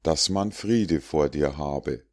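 A man's voice: very deep voice, slow, voice pushed down, full character voice. A man voicing a small peasant boy from a storybook fable who speaks in a curt, matter-of-fact way. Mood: blunt.

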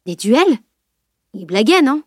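A cheeky teenage boy, put on by a woman reading a storybook, teasing his friends in a raised, bright voice. He sounds mocking and full of mischief. The recording is close and dry. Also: a little high, big pitch swings, takes it slowly, breathy edge, no room sound, exaggerated voice. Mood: surprised.

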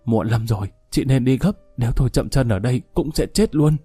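An aging henchman in a hurry, his voice mellow and low-key but pressing and pleading, as a male storyteller reads him. The sound is dry and close, with faint music behind. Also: fairly quick, slightly rough, no room sound, lightly acted. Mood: urgent. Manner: urgent, pleading. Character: older man, urgent and panicked henchman.

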